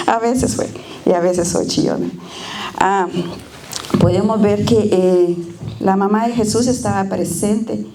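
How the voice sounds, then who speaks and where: Mellow-voiced woman giving church testimony. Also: on the low side, vocal fry, a little hiss or hum. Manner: tender, plainspoken, with frequent hesitations. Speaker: church member giving a reflection. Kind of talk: personal testimony and prayer. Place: church service.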